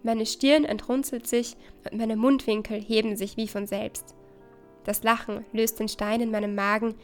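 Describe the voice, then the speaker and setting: A woman reading a second-person story aloud in an intimate, conversational way. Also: on the high side.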